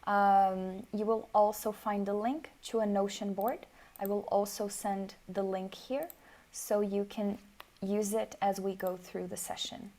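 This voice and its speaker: A woman hosts an online workshop over a video call. Her pitch sits at an ordinary middle height. She keeps things orderly and fills pauses with soft "um"s. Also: level tone. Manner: organized, with frequent "um" fillers. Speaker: workshop host.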